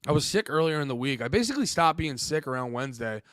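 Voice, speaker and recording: A man co-hosting a casual podcast, a bit hoarse from losing his voice, talking in an animated way and swearing often. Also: mid-range voice, fast, dry recording, studio quality. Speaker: podcast co-host.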